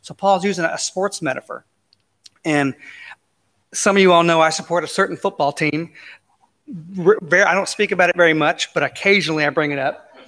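A man's voice: fairly high pitch, brisk, pauses often, bright, forceful tone. A man preaching a conversational sermon as pastor, telling folksy stories with casual asides. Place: church sanctuary. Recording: long reverb of a church sanctuary.

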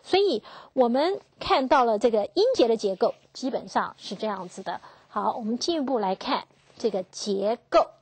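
A woman teaching English phonetics in a classroom lecture, asking her students questions and slowly repeating each key term. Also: a little high, animated, a little mellow, husky, no room sound. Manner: slow, drawn-out, repeats key terms, asks students questions.

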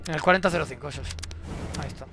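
A young man, streaming a game with casual commentary, swearing and bursting into shouts. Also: on the high side, racing, over loud music.

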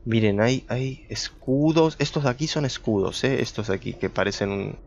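A man's voice: mid-range voice, animated, normal speed, gravelly, darkish tone, lo-fi sound. A young man giving casual gameplay commentary, chatty and thinking aloud as he plays, talking to his viewers. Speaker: gameplay streamer.

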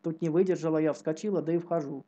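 Mellow-voiced narrator reading a religious tale. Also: medium pitch, steady tone, muffled recording. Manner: slow, measured reading with quoted dialogue. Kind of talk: reading a religious story aloud.

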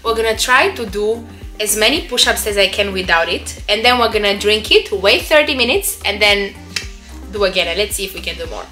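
A woman's voice: mid-range voice, expressive, brisk, pushed and bright, faint music behind. A young woman chatting casually and upbeat in a product review vlog, with rambling asides. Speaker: vlogger.

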